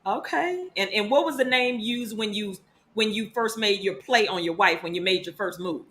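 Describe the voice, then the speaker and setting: A woman's voice: mid-range voice, moderate pace, pushed and bright, a little hiss or hum. A woman hosting an online talk show, upbeat and teasing her guests. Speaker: show host. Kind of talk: casual hosted chat.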